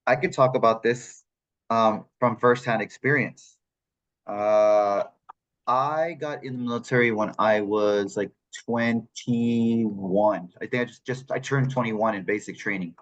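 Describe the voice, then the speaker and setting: A man's voice: lowish voice, measured pace, lo-fi sound. A man in his forties, a veteran speaking on a panel, candid and joking about his own experience. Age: 40s. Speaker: veteran peer support panelist. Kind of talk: casual panel talk.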